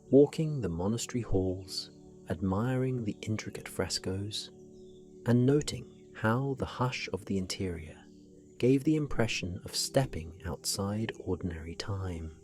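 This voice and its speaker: A man reads a bedtime sleep story in a soothing, hushed voice. His pitch sits fairly low and he takes his time, very slowly, with gentle unhurried phrasing. Faint music plays behind him. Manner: gentle, hushed, unhurried guided-relaxation delivery.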